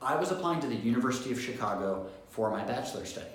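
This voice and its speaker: A young man gives an upbeat admissions lesson to camera, leaning hard on repeated words for emphasis. His voice sits at an ordinary male pitch. The sound rings around a very echoey, reverberant room. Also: lively intonation, very fast. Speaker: admissions coach. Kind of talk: instructional talk to camera.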